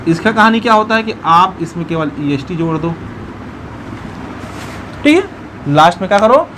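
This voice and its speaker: Male English teacher, high and lively voice, patient step-by-step classroom delivery, faint traffic noise behind. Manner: explains step by step, repeats words slowly and syllable by syllable. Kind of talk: classroom grammar lesson.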